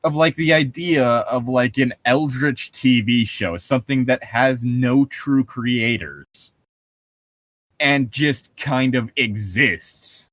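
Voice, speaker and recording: A podcast co-host speaks slowly in a mid-range, fairly bright voice, with no room sound. He rambles through casual, profane commentary on horror stories.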